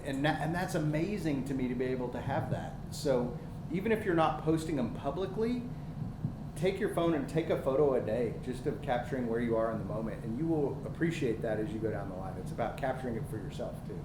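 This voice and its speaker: A man with a mid-range voice offers casual advice on a panel. The room is echoey, with clear noise behind him. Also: mid-range voice, animated, a little fast. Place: panel event room with an audience.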